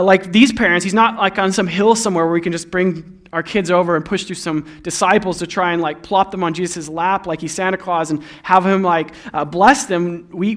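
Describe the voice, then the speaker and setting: A man's voice: sits high, fairly bright tone. A young adult man, a pastor, preaching a sermon in a conversational, storytelling way.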